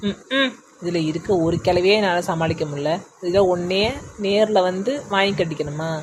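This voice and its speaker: A woman's voice: fairly low pitch, moderate pace, slight background noise, voice pushed down, natural voice. A woman voicing a polite young daughter-in-law who welcomes a guest, with a Tirunelveli Tamil accent. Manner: polite to the guest, muttering asides.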